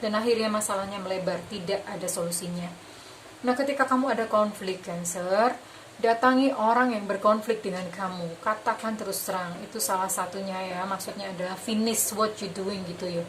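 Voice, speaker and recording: A woman giving a tarot reading to her viewers. She speaks in a gentle, reassuring way, repeats her points and drops English phrases into her talk. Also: medium pitch, fairly even intonation, a little fast, background noise. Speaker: tarot reader. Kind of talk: tarot reading monologue to camera.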